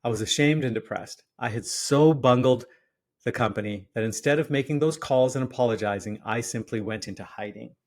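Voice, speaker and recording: A man in his fifties narrates a scripted personal essay for his podcast. His mid-pitched voice is wry and self-deprecating as he tells the story. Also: a little fast. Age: 50s. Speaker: podcast host.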